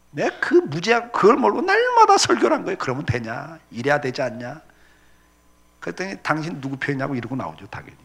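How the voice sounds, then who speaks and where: A man's voice: on the high side, pushed and bright, husky. A middle-aged male pastor preaching a sermon, telling stories with acted-out quotes and laughter.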